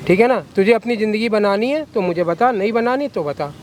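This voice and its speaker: A man's voice: high voice, brisk, a little mellow, slight background noise, close to an everyday voice. Man playing a sleazy menacing lawyer. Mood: condescending. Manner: coaxing, condescending, talks down with tu. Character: corrupt scheming male lawyer, menacing and coercive. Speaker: villain in a short film.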